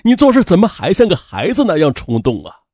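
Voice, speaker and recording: A man's voice: sits high, huge pitch swings, brisk, darkish tone, no echo, clean studio sound, pitched above the performer's own voice, exaggerated voice. A man voicing an old father in his seventies who anguishes and scolds. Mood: scolding. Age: 70s.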